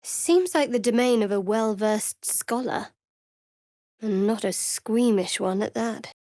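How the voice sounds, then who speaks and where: Voicing a young cleric who serves a dark goddess in a fantasy game, a woman sounds wry, secretive, and guarded, choosing her words with measured care. Her pitch is a little high, captured in a close, dry recording with no room around it.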